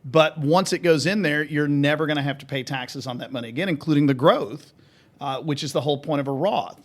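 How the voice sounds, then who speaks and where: Speaking a little fast in a slightly high voice, a financial advisor co-hosting a finance radio show keeps the talk casual. He explains plainly and walks listeners through examples.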